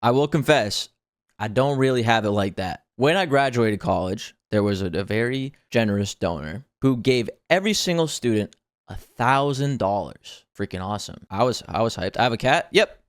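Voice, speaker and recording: A man's voice: mid-range voice, expressive, moderate pace, no echo, studio quality. A man in his twenties telling a story to a chat in a casual, slangy, conversational way. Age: 20s. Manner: conversational, slangy, acts out quoted dialogue.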